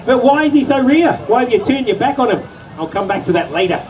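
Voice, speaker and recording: A middle-aged New Zealand man presents a live sheep show on an outdoor county show stage, joking and hyping up the crowd in stage patter. His voice is extremely high-pitched, lively in intonation, and fast. He is far from the mic, with music playing and a little hiss or hum.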